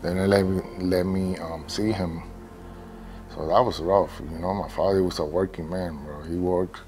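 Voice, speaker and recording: A middle-aged father speaks in a documentary interview with a low, heavy voice. He talks emotionally and bluntly, with curses mixed in. Soft music sits faintly behind him. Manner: emotional, rough-spoken, swearing.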